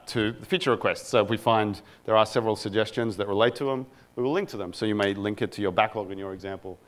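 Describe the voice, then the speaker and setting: A product manager from Egypt, speaking at a medium pitch, gives a laid-back talk to a live conference audience. Fillers abound, along with self-deprecating asides.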